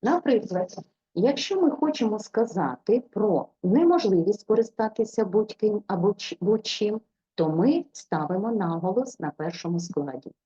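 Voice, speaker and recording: A woman's voice: mid-range voice, expressive, moderate pace, dark tone, husky, dull audio. A woman language teacher giving an online exam-prep lecture, methodically reciting grammatical forms one by one.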